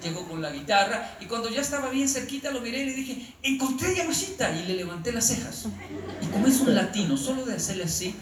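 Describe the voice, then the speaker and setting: A man's voice: high-pitched, fast talker. Guy doing a funny storytelling talk, jumps into voices, sounds far off in a noisy echoey room. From Colombia. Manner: animated, acts out quoted voices. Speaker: speaker. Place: lecture hall. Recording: roomy, distant and noisy live hall.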